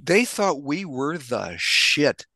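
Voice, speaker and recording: A middle-aged man on a video call, telling animated, profane stories in a casual chat. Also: a little high, slow, no echo.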